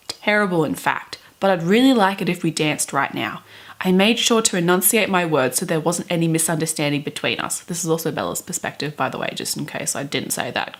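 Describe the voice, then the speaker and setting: Indoors in her bedroom, a woman in her twenties who runs a book vlog reads fan fiction dramatically, with theatrical giggles and gushing, chatty tangents. Her voice sits lowish and sounds a bit bright.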